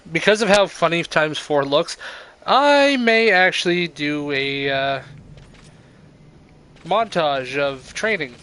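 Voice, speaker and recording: High-voiced young man streaming a game. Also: lively intonation, takes it slowly, pauses often, sharp tone, clean tone. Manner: chatty, irreverent, swears casually. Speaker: let's play streamer. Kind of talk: casual gameplay commentary.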